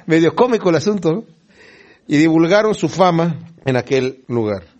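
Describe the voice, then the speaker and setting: Male preacher, high-pitched, lively delivery; acts out the scenes in quick voices. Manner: animated storytelling, acts out scenes in little voices. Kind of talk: sermon.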